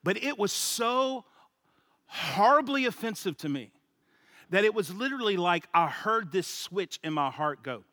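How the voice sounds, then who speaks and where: A man, a guest speaker telling a funny story at church in an animated, joking way. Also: sits high, unhurried, dry recording, studio quality. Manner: animated, joking, laughs at his own story. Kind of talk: humorous storytelling sermon.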